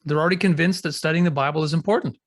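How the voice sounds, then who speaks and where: Man, podcast host, slightly higher voice, friendly questions, dry close mic. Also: steady tone, dry recording. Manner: friendly and affirming, quick follow-up questions. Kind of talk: conversational podcast interview.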